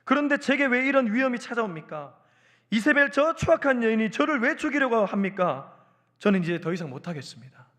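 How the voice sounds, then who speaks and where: Preacher putting on a tired, resentful prophet airing grievances to God, voice high and animated. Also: male voice, a little fast, heavily acted. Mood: aggrieved. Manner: pleading, complaining. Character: weary, resentful male prophet pleading with God.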